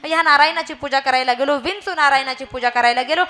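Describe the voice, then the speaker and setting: A woman's voice: sits high, quick pace, bright, forceful tone. A woman preacher voicing a simple, bewildered village man in a sermon anecdote, speaking sheepishly.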